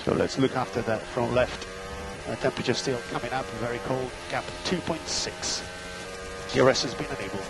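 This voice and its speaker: Over team radio, a male race engineer with a medium-pitched voice gives clipped, matter-of-fact instructions and gap updates, often repeating the key points. The recording is rough.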